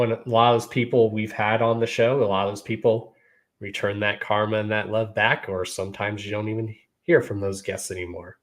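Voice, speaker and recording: This podcast host, a man in his thirties, has a fairly low voice and delivers a relaxed, conversational monologue to his audience. "You know" and "y'all" keep popping up as he talks.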